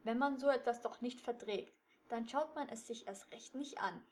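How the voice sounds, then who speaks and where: A woman calmly reading a children's detective story aloud. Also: fairly high pitch, moderate pace.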